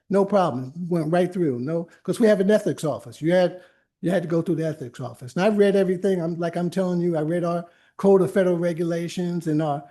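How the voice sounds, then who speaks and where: An older male attorney and workshop presenter tells personal stories during an informal lecture in a library meeting room. His voice is fairly high and warm, and his anecdotal, conversational delivery is full of restarts and asides.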